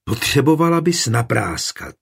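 A man's voice: medium pitch, big pitch swings, vocal fry, slightly rough, heavily acted. A man voicing an older woman, a stern mother who talks firmly and scolds. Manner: firm, scolding.

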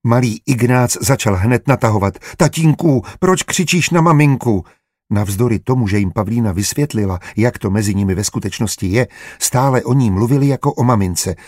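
A man narrating an audiobook in a steady, even storytelling manner. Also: on the low side, dry recording, studio quality.

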